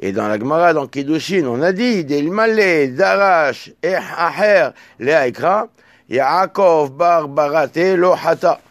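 A male Torah teacher with a slightly high voice gives a Talmud lesson, reading Hebrew and Aramaic slowly before explaining in French. His explanations are halting, full of repeated and restarted words, but his intonation stays lively. The recording is dry with no echo.

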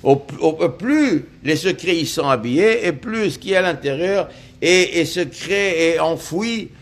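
Male religious teacher, fairly high voice, halting study-lesson delivery with frequent repeated words. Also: expressive. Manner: halting, repeats words while explaining each term.

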